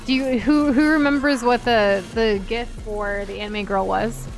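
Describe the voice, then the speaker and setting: A woman's voice: fairly high pitch, steady tone, unhurried. A woman with a playful, giggly manner, chatting casually and reading viewer comments as co-host of a game livestream. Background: music.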